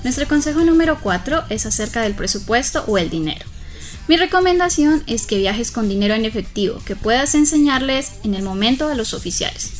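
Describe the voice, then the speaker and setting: A woman's voice: on the high side, animated, fairly quick, faint music behind. A woman co-hosting a language lesson, giving travel tips and repeating English phrases twice each. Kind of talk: teaching English phrases in Spanish.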